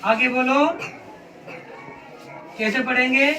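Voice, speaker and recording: High-voiced male teacher in an echoey classroom. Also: steady tone, takes it slowly. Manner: patient, repetitive questioning of pupils. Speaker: Quran reading teacher. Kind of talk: classroom lesson with call-and-response. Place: classroom with children. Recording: echoey room, distant mic, noisy. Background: children's voices and room noise.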